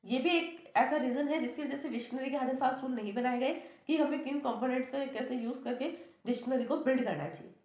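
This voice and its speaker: A woman with an Indian English accent lectures like a classroom teacher, walking through each point and answering her own questions. Her voice sits high. The sound carries the echo of a bare room. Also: fast, a little mellow. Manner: explains step by step, asks and answers own questions.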